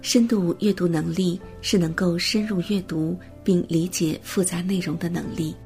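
A woman with a low-set, gravelly voice gives a steady, measured scripted narration. She reads evenly from a prepared text, and faint music plays behind her.

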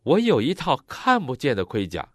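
A man interpreting a sermon phrase by phrase, matching the preacher's expressive delivery. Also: medium pitch, normal speed, no room sound, studio quality.

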